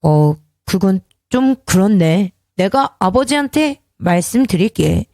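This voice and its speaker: A woman voicing a young husband who placates and hushes his wife. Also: high-pitched, expressive, slow, no room sound, clean studio sound, heavily acted. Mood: placating.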